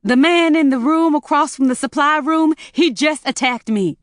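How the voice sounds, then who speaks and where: A woman's voice: medium pitch, normal speed, a bit bright, no echo, studio quality, lightly acted. A woman narrator voicing a shaken young woman care worker who whimpers and stammers. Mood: distraught.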